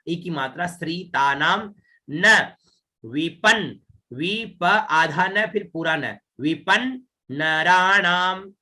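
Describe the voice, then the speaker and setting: A man teaching Sanskrit verse recitation online, spelling out each syllable slowly and checking "है ना?" after each point. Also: on the high side, sharp tone. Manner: slow, syllable-by-syllable pronunciation drills, checks with "है ना?".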